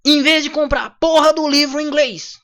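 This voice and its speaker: This Brazilian channel host, speaking with a Brazilian Portuguese accent, rants casually with blunt slang and liberal swearing. His extremely high-pitched voice has a sharp tone, fairly even intonation, and a moderate pace.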